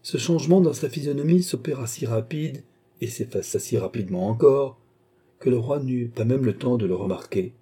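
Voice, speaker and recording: Man narrating a novel, dark and husky. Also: mid-range voice, moderate pace. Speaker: audiobook narrator. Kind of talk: scripted literary narration.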